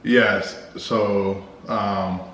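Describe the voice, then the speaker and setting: An American man co-hosting a casual Q&A vlog, explaining things in a measured, halting way. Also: fairly low pitch, steady tone, fairly bright tone. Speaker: vlog co-host. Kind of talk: casual couple Q&A chat. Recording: roomy echo with clear background noise.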